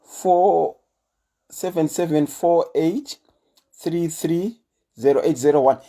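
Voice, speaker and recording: Speaking slowly, a deep-voiced Zimbabwean woman hosts a casual livestream, chatty and animated as she shares stories.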